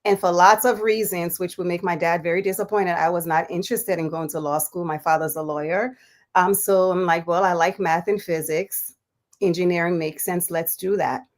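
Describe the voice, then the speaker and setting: A woman in her forties from Liberia, a physician telling her life story as a guest in a relaxed interview, chatty and quick to laugh. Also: on the low side. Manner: chatty, laughs often, many fillers.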